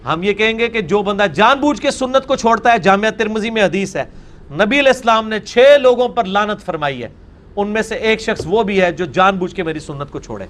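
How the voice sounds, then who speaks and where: A man's voice: high voice, expressive, a bit bright. Mocking male lecturer. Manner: mocking, argumentative, mimics opponents. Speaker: religious lecturer. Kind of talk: religious lecture.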